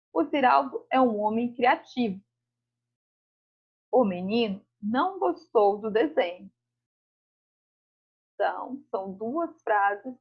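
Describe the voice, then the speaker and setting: A woman's voice: a little high, breathy edge. A woman teacher, going over school exercises in a recorded lesson, reading each task aloud and explaining it patiently. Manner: reads tasks aloud, then explains slowly and patiently. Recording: muffled home recording.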